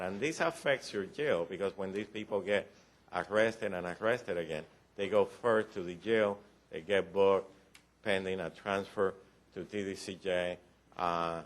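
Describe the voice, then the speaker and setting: A very deep-voiced man with a Cuban accent briefs county commissioners formally in a county meeting room. Patient throughout, he restarts phrases often and mixes in bits of light humor.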